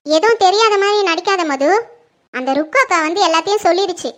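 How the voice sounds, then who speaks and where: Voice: extremely high pitch, lively intonation, quick pace, fairly bright tone, slight background noise. A performer in a home-made family skit, playing a middle-aged mother who sharply accuses her daughter. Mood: angry, accusing. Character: furious middle-aged mother, suspicious and scolding.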